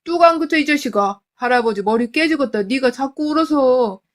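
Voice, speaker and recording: A scornful old father-in-law, voiced by a woman reading the story nags with harsh, belittling contempt. His lines come out loud and hard against the narration. The voice stays hard-edged throughout. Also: fairly high pitch, moderate pace, close to an everyday voice. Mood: yelling.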